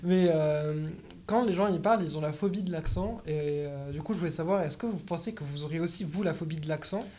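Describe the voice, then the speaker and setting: Low-voiced teenage girl asking questions. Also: a little fast, few pauses, dark tone. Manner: asks questions with hesitations. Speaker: student interviewer. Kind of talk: casual interview questions.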